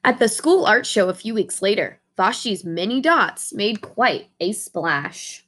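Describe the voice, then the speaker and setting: A young adult woman reading a picture book aloud as host, with expressive, deliberate storytelling. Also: mid-range voice. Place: small indoor room.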